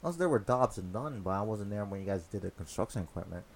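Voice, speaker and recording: A man's voice: lowish voice, expressive, fast talker, a little hiss or hum. A man who is a former police officer, chatting casually as a guest, laughing often and giving short replies. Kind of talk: casual chat.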